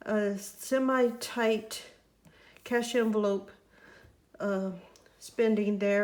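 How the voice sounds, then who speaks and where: Squeaky-voiced middle-aged woman, even pitch. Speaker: budget vlogger. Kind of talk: casual monologue reviewing household finances.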